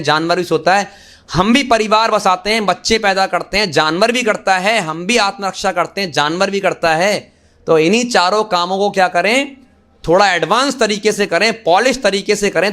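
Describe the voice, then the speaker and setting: Speaking on the high side, a Hare Krishna preacher gives a lively Gita class full of jokes with his audience. He asks rhetorical questions and slips English phrases into his speech.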